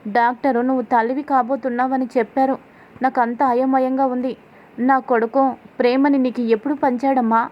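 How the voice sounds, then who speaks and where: A warm-hearted middle-aged mother-in-law comforting a young woman in a gentle, coaxing tone, as a woman storyteller voices her. Her voice is a little high. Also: little pitch movement, moderate pace, dull audio, close to an everyday voice. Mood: tender.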